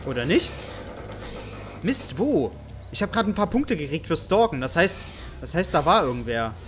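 Lively man teasing through a game. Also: a little high, moderate pace, slight background noise. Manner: animated, teasing, mock-taunting game characters. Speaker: gaming YouTuber. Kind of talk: let's play commentary.

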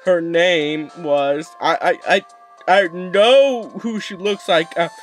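A man's voice: high-pitched, takes it slowly, faint music behind. A young man rambling through casual let's play commentary, swearing often and restarting his sentences. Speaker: gaming YouTuber.

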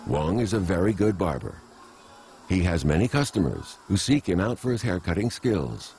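A man reading scripted documentary narration in a measured, even way. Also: sits low, a little hiss or hum. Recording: faint music behind.

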